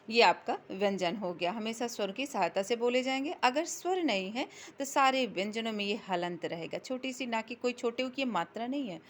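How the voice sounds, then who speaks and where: Woman teacher explaining letters slowly. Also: a little high, a little hiss or hum. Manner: slow and drawn out when reading letter examples, asks questions and answers them herself. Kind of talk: classroom explanation.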